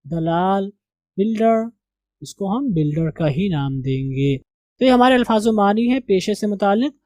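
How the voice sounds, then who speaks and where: A man teaching English as a classroom lesson, slowly and deliberately drilling the pronunciation of words. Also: high voice, darkish tone, no echo.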